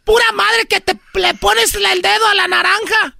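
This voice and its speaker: A very high, gravelly-voiced Mexican housewife, played by a woman, nags and rants at her cheating husband. Her voice is bright and pushing. Sarcastic exasperation drives every line of this radio comedy bit. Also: steady tone, normal speed, no echo, exaggerated voice. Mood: exasperated. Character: jealous scolding Mexican housewife, middle-aged. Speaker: comedy sketch performer.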